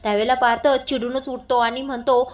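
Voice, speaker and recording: A woman's voice: fairly high pitch, fairly even intonation, fast talker. A woman narrating a recap of a TV serial episode, telling the scenes step by step with frequent uh fillers.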